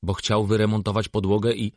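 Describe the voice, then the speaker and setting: A man acting out a frazzled dad rushing his daughters off to school, clipped and impatient, his voice pushed higher and louder than the narration. The delivery stays husky and close, with a dry, deadened sound. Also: flat delivery, dry recording. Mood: exasperated. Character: harried father of two young daughters, exasperated.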